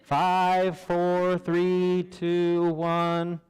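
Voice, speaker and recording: A man hosting a church trivia night, reading questions slowly, counting down and laughing at himself. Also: sits high, monotone, a little mellow, clean tone. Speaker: trivia host. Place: church hall. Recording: large hall with long reverb.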